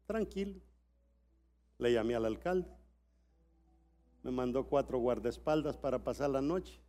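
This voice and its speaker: Speaking a little slowly in a medium pitch, this middle-aged Salvadoran man delivers a church conference sermon. It alternates between soft storytelling and building, shouted exhortation.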